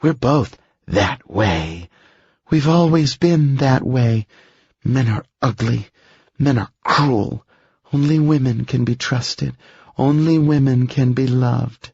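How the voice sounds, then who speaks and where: Man putting on a gravelly, menacing woman medium. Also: medium pitch, takes it slowly, darkish tone, no echo, dull audio, pitched above the performer's own voice, full character voice. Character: heavy, overpowering woman medium, possessed and cruel.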